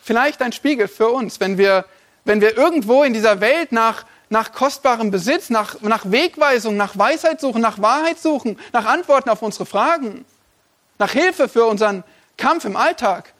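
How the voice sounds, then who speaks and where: A man's voice: very high voice, lively intonation, moderate pace, a bit bright. A male pastor preaching a sermon, addressing listeners directly with emphatic, repeated lists.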